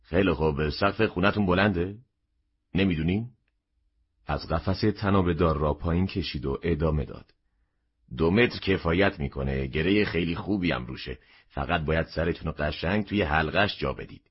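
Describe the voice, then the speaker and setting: A man's voice: sits low, slightly rough. A man voicing a gloomy, curt shopkeeper who grumbles at customers in an audio story. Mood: flat. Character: gruff gloomy male shopkeeper, dry and curt. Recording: dull lo-fi recording.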